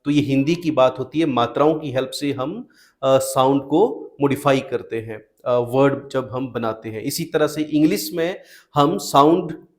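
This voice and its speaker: Slow, patient male teacher. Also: medium pitch, a little mellow. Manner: slow, patient, asks questions then answers them. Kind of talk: explaining spelling rules to students.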